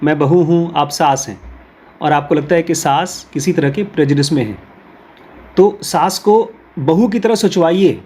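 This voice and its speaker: A man with a somewhat high, husky voice gives an explanatory talk, mixing Hindi with English phrases. He reads English sentences out slowly, then unpacks them in Hindi with everyday examples and little role-plays. The tone is that of a patient course teacher. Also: dark tone.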